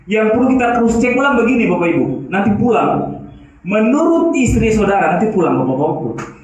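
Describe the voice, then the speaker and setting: Preacher in an echoey hall. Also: male voice, high-pitched, big pitch swings, fast talker. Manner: emphatic, rhetorical questions to the congregation. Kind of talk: sermon. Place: church hall. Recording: echoey hall, mic at a distance.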